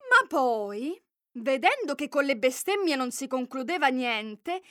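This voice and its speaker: Bright, high-voiced woman storyteller. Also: no room sound, studio quality. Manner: expressive, varied storytelling with voiced characters. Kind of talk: reading a fairy tale aloud.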